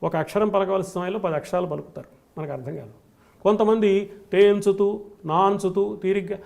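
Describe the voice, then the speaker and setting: Give me a man giving a devotional discourse, high-pitched and gravelly, building points in rhythmic lists. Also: fairly even intonation, a little fast, darkish tone. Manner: emphatic, rhythmic lists of qualities. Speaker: spiritual scholar guest.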